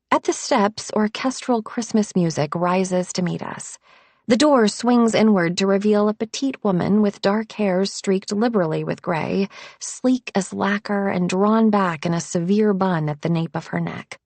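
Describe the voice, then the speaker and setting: A woman narrating an audiobook in first person, reading at a measured, even pace. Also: mid-range voice, no echo.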